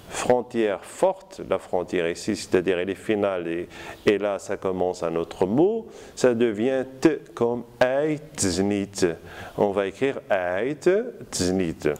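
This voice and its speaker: Guy teaching a uni class, kinda low voice, takes his time, lots of uhs. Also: warm tone. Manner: slow and deliberate, with many hesitations. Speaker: university lecturer. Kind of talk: recorded university lecture.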